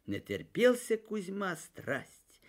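A man reading a folk tale aloud in a slow, singsong storybook manner. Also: sits high, huge pitch swings. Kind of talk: storybook narration.

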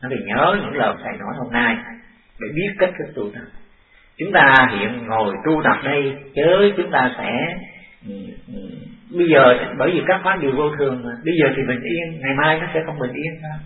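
Older monk, halting. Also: male voice, mid-range voice, expressive. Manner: halting and deliberate, repeating phrases. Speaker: monk teacher. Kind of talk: dharma talk to a class. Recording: distant, echoey, tinny lo-fi tape.

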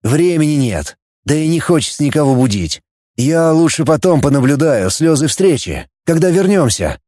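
A man as a wry, calm commander. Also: on the high side, normal speed, no echo. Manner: dry, gently teasing.

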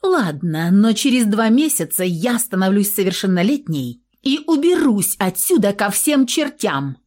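A woman reading aloud and voicing an angry, rebellious young woman who shouts indignantly in a storybook reading. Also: mid-range voice, very animated, normal speed, pitched above the performer's own voice. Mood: furious.

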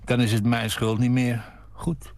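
A man's voice: mid-range voice, flat delivery, a little slow, gravelly, darkish tone, dry recording. A man voicing a grim, wry father who rambles with resignation in a read-aloud story. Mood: grim resigned.

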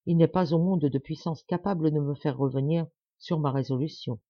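A woman's voice: low voice, brisk, dry recording, highs cut off. A woman reading the part of a proud, stubborn middle-aged man who talks with insistent, forced cheer. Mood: earnest.

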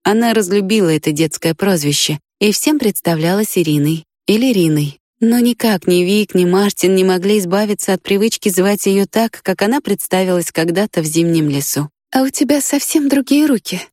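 Calm woman reading an audiobook. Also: on the low side, normal speed, hardly any pauses, dry recording, studio quality. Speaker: narrator. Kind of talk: audiobook narration.

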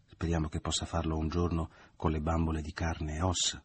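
A man's voice: very deep voice, completely flat delivery, brisk, slightly rough, exaggerated voice. A man voicing a doting, naive middle-aged mother who talks in a gushing, sentimental way, in an audiobook reading. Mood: effusive.

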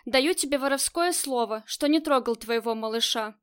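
A woman's voice: high-pitched, normal speed, clear, resonant tone, close to an everyday voice. Woman reading a barking male crime boss. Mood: gruff. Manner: swearing, barking orders. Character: gruff male crime boss, loud and short-tempered. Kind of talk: audiobook character reading.

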